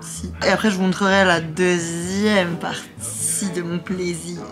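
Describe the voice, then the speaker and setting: A woman's voice: fairly low pitch, flat delivery, unhurried, faint music behind. A young adult woman talking casually to a handheld camera, chatty and playful with self-mocking asides, from city streets and a hotel room. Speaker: travel vlogger. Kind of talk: casual vlog talk to camera. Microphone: handheld vlogging camera.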